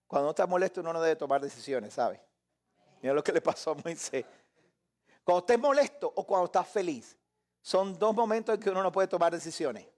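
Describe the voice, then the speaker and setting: Brief: high-pitched male preacher, lively teaching delivery, acts out scenes, quick to joke. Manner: animated, acts out voices and shouts; jokes and laughs with listeners. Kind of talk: live Bible teaching.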